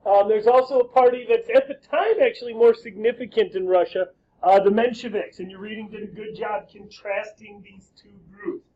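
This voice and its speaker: Male teacher, lively and joking, high voice, slightly muffled classroom recording with faint hiss. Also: moderate pace. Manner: lively, joking, quizzing students. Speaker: high school history teacher. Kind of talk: classroom lecture.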